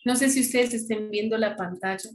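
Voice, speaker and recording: A woman's voice: fairly high pitch, fairly even intonation, slight background noise. Patient teacher woman, echoey room. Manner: patient, explains slowly, checks understanding often. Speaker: French teacher. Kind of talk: online class teaching. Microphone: computer mic on video call.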